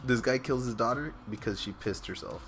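A man's voice: mid-range voice, fairly quick, fairly bright tone, soft background music. A young man chatting casually over gameplay as a commentator, swearing freely and laughing at his own remarks.

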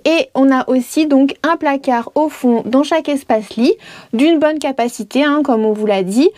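A woman's voice: on the high side, mellow, no room sound, studio quality. Chatty French-speaking woman in a van. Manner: chatty, joking, many hesitations. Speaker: vlog host. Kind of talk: casual show-and-tell. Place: small wood-lined van interior.

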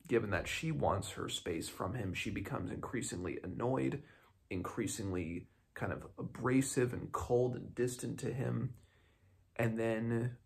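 A man in his twenties reviews a book casually and without a script, speaking to camera in a small room at home. He thinks aloud with hesitation and often restarts his sentences. His voice is low, creaky, and husky.

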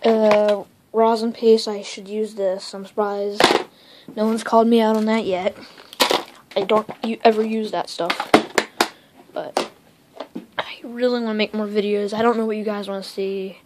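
A woman's voice: medium pitch, level tone. Woman rambling thru her electronics workbench, phone cam, lots of hiss n clicks. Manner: rambling, quick, self-interrupting. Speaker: electronics hobbyist vlogger. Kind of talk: casual unscripted shop tour. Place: cluttered home electronics workshop, indoors. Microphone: handheld phone camera.

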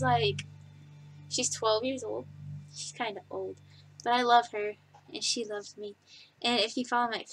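In a rough recording, a high-pitched woman in her twenties vlogs from her bedroom, sharing casual facts about herself. She giggles, rambles and fills her speech with fillers, picked up by a webcam at desk distance.

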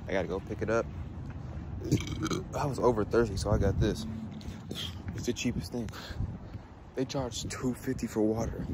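Low-voiced young American man, noisy vlog. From Texas, United States. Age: young adult. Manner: slangy, offhand, says bro and man often. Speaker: vlogger. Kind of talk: casual vlog chat. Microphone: phone at arm's length. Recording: noisy handheld phone recording, vehicle and outdoor noise.

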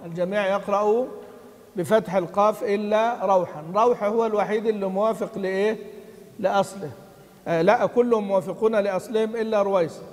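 High-voiced sheikh teaching in a reverberant hall. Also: male voice, fairly even intonation, a little mellow. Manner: quizzes students, then answers his own questions; chants quoted verses slowly. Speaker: sheikh teaching Quran recitation. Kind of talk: classroom lesson. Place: study hall of a mosque.

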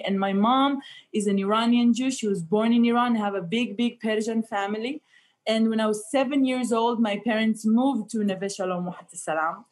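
An Israeli stand-up comedian, speaking in a medium-pitched, darkish voice, trades jokes in casual chat on a video call. She uses many fillers, and she's indoors, recorded by a laptop webcam.

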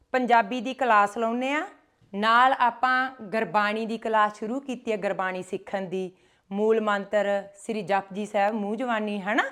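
Lady teaching kids punjabi, high voice, slow loud drawn out words for them to copy. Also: smooth. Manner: slow, loud, drawn-out syllables for children to repeat. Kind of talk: call-and-response class teaching. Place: gurdwara classroom.

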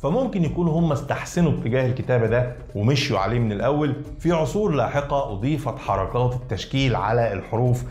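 A man with an Egyptian Arabic accent narrates a lesson at a brisk clip, explaining as he goes and speaking straight to his listeners. His voice sits at an everyday middle pitch. The recording rings with a roomy echo. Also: lively intonation, a little mellow. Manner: explanatory, addresses listeners directly. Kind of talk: scripted educational narration.

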